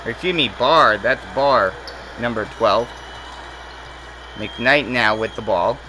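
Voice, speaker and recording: Bright-voiced man calling basketball play-by-play. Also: mid-range voice, a little hiss or hum, rough recording. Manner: rapid play calling that rises sharply on made shots. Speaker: play-by-play announcer. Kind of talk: simulated basketball play-by-play commentary.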